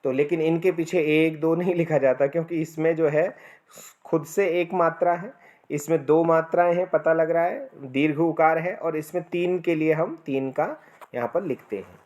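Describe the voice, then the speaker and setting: A man's voice: fairly high pitch, fairly even intonation, a little mellow. A man teaching Sanskrit grammar in a spoken classroom lecture. He keeps checking in with "है ना" and "ठीक है" and draws out the sutras and vowel lengths in a chant. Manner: slow explanatory delivery with frequent "है ना" and "ठीक है" check-ins.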